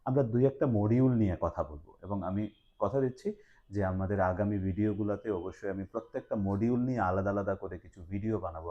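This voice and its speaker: A man with a Bangladeshi Bengali accent hosts a promotional interview for a language institute as its TOEFL instructor. His voice sits fairly low, with a dark, mellow tone. He moves easily between Bengali and English and fills gaps with "ah". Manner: talks in a relaxed mix of Bengali and English, with frequent "ah" fillers.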